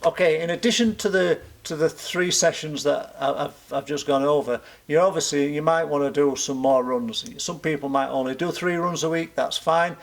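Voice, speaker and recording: Creaky-voiced man explaining a training plan. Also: a little high, normal speed, hardly any pauses. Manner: explanatory, asks and answers own questions. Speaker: running coach and club vlog host. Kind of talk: informal instructional vlog to camera.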